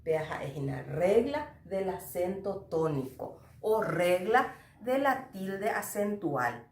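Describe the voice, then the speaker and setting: A woman teacher from Paraguay with a Paraguayan accent giving a recorded lecture, talking in a slow, didactic way with frequent tag questions. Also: lowish voice, very animated, a little mellow, reverberant. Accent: Paraguayan Spanish. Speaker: university Guarani teacher.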